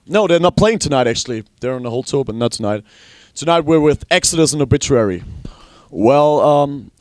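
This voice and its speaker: Young Austrian-born musician, chatty and dry. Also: male voice, mid-range voice, fairly quick, no room sound. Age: young adult. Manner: relaxed, rambling, frequent ums. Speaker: guitarist and singer. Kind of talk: casual interview.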